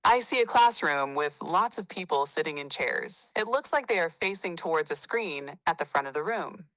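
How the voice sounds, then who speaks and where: A woman's voice: low-pitched, expressive, moderate pace, a bit bright, no room sound, poor audio. A synthetic female AI assistant voice answering politely and helpfully. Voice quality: smooth synthetic voice.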